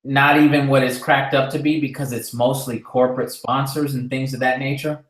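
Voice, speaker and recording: A man co-hosting a live boxing talk show, breaking down fights in a measured, analytical way with frequent fillers. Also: medium pitch, level tone, fairly bright tone. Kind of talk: casual live-stream discussion. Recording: echoey room.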